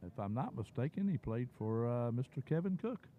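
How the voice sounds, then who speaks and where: A man's voice: medium pitch, very animated, fairly quick. Easygoing older man, tinny sound. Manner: easygoing, reminiscing. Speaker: sports broadcast co-host. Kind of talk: casual sports broadcast chat. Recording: tinny phone-like audio with faint noise.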